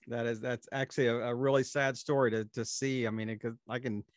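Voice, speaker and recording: A man hosting a podcast interview, talking casually and haltingly, often repeating words. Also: mid-range voice, flat delivery, dry recording, studio quality. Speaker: podcast host.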